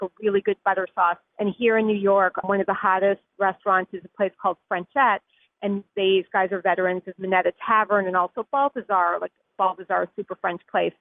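A woman's voice: mid-range voice, dry recording. A woman speaks over a tinny, phone-like line with dry sound. She talks as a guest in a chatty way, laughing easily and dropping "like" often. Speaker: food editor guest. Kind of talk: radio interview.

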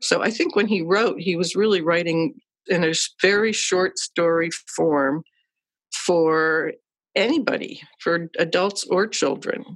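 A woman's voice: lowish voice, a little slow, no echo. A woman interviewee talking reflectively, thoughtful and a little hesitant.

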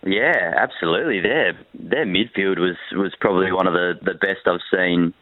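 A very deep-voiced man calls in as a sports reporter and breaks down the game plainly, with a lot of hesitation. His voice comes through a crackly phone line that drops in and out, tinny and thin, with no room sound at all. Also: no room sound. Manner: frank, measured, with many hesitations. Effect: crackly phone line that cuts in and out. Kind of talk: phone-in football analysis.

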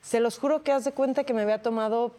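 A woman in her thirties with a Mexican accent, co-hosting a casual chat and telling lively stories. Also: on the high side, fast talker. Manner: animated storytelling, acts out quotes. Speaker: co-host.

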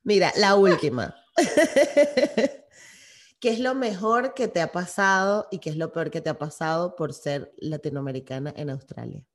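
A woman's voice: on the low side, expressive, unhurried. Venezuelan woman hosting a chatty interview. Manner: warm, affirming, laughs often. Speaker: podcast host. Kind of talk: casual interview chat.

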